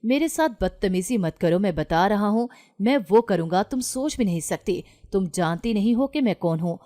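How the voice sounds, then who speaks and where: A woman's voice: mid-range voice, lively intonation, dark tone, lightly acted. A woman narrator voicing a pushy, menacing young man in a storybook reading, with little change from her own voice. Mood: threatening. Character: pushy threatening young man, unwanted visitor. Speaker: intruder in a read-aloud story.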